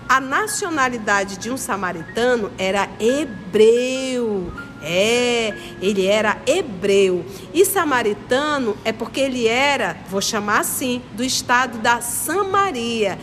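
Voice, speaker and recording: A children's religious study teacher from Manaus, Amazonas, Brazil, speaks with a northern Brazilian accent in a slightly high, animated and a bit bright voice at a slow pace. She teaches step by step in a didactic way, repeating points and asking her listeners questions. The recording carries a long reverberant echo with clear music playing behind her.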